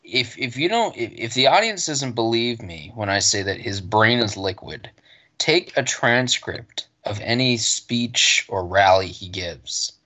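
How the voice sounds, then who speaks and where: A man's voice: mid-range voice, animated, unhurried, bright, forceful tone. A man co-hosting a casual political podcast, speaking bluntly with frequent restarts and fillers. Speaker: podcast co-host.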